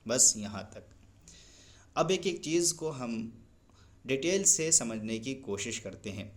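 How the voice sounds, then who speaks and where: A man with a Pakistani Urdu accent teaching Quran recitation, explaining pronunciation rules slowly and carefully. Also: medium pitch, animated. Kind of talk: tajweed lesson with chanted recitation.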